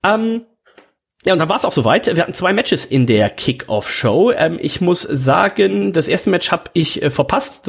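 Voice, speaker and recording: Husky-voiced man rambling in casual chat. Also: fairly high pitch. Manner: rambling storyteller with many fillers and restarts. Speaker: podcast host.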